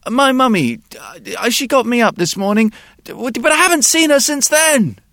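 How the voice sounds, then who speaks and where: A man's voice: lively intonation, moderate pace, pushed and bright, no room sound, clean studio sound, exaggerated voice. A man voicing a flustered, forgetful little boy who stammers and hesitates as he talks. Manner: stammering, breathless, high and eager.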